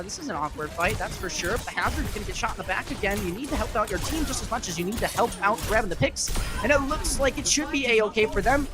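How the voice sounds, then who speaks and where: An esports commentator with a medium-pitched voice calls live play-by-play chattily, growing animated with the action.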